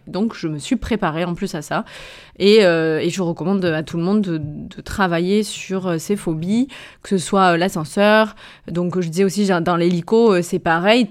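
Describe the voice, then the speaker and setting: Her voice sits on the low side as this entrepreneur and podcast host, carrying a southern French accent from Avignon, rambles through a personal story. She hesitates, corrects herself, laughs briefly and addresses listeners familiarly.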